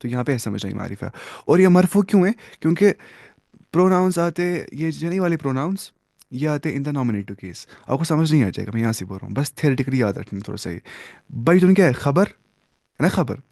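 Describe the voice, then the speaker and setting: A man's voice: on the high side, big pitch swings, moderate pace, creaky, darkish tone, dry recording, clean studio sound. A man teaching an Arabic grammar lesson, who asks questions and answers them himself, mixes in English terms, and encourages his students. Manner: reassuring, encouraging tone.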